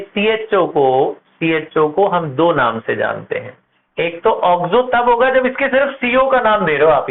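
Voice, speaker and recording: A man teaching chemistry at a board, asking his class questions and answering them himself, slowing down to spell out compound names. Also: sits high. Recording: tinny phone-like audio with faint noise.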